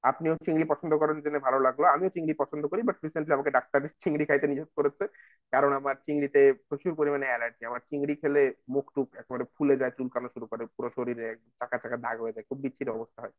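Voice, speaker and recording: A man's voice: medium pitch, fairly even intonation, quick pace, no room sound, narrow, tinny audio. A man teaching an online IELTS speaking class, explaining patiently and slipping into English phrases. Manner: explanatory, addresses viewers as brother and sister, switches into English phrases. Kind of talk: online lesson mixing Bengali and English.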